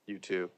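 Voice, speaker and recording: A man, a voice actor, talking in a casual interview in an animated way, often laughing. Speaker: voice actor guest.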